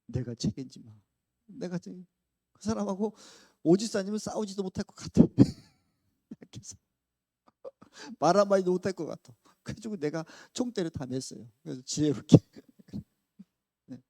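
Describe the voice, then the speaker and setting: A male pastor giving a conversational sermon, telling a story with swings from hushed to loud and frequent laughter. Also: high-pitched, normal speed, no room sound. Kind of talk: conversational sermon with acted-out quotes. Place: church sanctuary.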